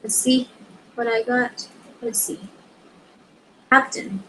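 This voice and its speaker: A woman's voice: fairly high pitch, steady tone, takes it slowly, a bit bright, slight background noise, rough recording. A young woman reviewing exam questions, reading answer explanations aloud and muttering short asides to herself as she works them out. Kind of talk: thinking aloud while studying.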